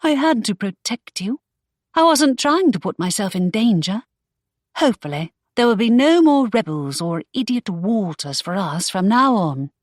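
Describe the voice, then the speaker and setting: A woman's voice: medium pitch, sing-song, moderate pace, no echo, studio quality. Woman playing a spirited, earnest young lady.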